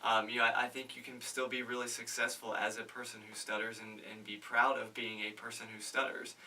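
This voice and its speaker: A man speaking on a panel about stuttering, earnest and measured, with frequent fillers. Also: medium pitch, little pitch movement, sharp tone, recorded from a distance, slight background noise, poor audio. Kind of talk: casual panel discussion.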